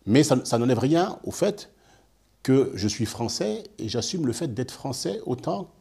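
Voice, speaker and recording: A man born in France, a guest in a measured discussion, talking with many fillers and restarts. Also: medium pitch, big pitch swings, creaky, warm tone, breathy edge. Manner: hesitant, many fillers and repeated words.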